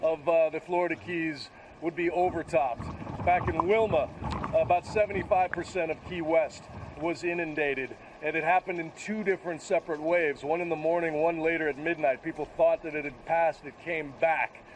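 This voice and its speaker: A male field reporter giving an unscripted live report outdoors in a conversational, halting way. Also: a little high, steady tone. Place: outdoors in gusty weather. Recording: faint outdoor wind noise.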